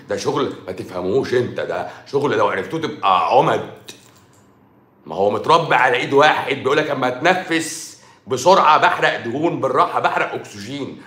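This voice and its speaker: A man's voice: fairly low pitch, lively intonation, fast talker, a bit bright. A man with an Egyptian Arabic accent, a doctor hosting a livestream, talking in a sarcastic, scolding way. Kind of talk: casual livestream rant. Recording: roomy echo.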